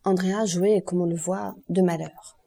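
A woman narrating a classic novel as an audiobook, in a measured, expressive reading. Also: lowish voice, vocal fry, breathy edge. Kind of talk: scripted narration.

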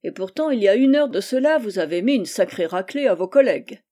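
Female reader as a courteous German-accented inspector, suave and formal, mellow voice. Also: mid-range voice, fairly quick, natural voice. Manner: courteous, flattering. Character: German Gestapo inspector, man, polite, smooth-talking.

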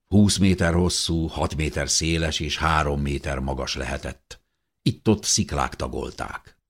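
Very deep-voiced male audiobook narrator. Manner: calm, measured reading. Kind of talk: scripted first-person narration.

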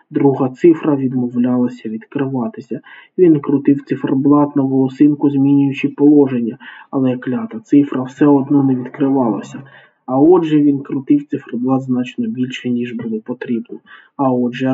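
A man reading a crime novel aloud as audiobook narration, steady and dramatic. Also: medium pitch, slightly rough. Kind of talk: scripted narration. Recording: tinny phone-like sound.

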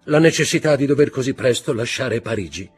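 A man's voice: mid-range voice, animated, a little fast, slightly rough, soft background music, voice pushed up. A man voicing a pompous older man who poses as a father, grave and stiff. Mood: effusive.

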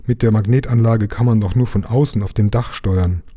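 Male reader as an eager, worried small boy, stammering, in a dark husky voice. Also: on the low side, brisk, lightly acted. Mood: anxious. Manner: agitated, stammering.

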